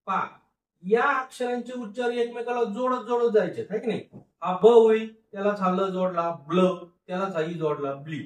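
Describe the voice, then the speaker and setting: A man teaching phonics, slowly sounding out words syllable by syllable and repeating each word. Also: sits high. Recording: echoey room, voice a bit far from mic.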